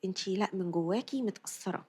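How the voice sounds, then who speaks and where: An Egyptian woman gives a tarot reading in a husky, slightly breathy voice. She talks quickly and coaxingly, circling back over her own phrases and at times dropping into a hushed whisper. Her pitch sits in a middle range. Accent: Egyptian Arabic. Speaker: tarot reader. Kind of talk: spiritual tarot reading to viewers.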